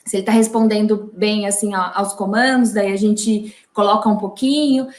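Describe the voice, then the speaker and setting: A Brazilian woman, a mother, talking in a casual interview with halting speech and many restarts. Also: mid-range voice, fairly even intonation, a little mellow, echoey room. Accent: Brazilian Portuguese. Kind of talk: casual video call interview. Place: home.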